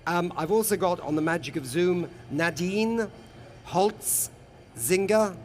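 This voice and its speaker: A man's voice: high voice, slow pace, slight background noise. A man hosting a live broadcast panel, introducing guests in a jovial, chatty way. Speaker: host. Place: lives in Berlin.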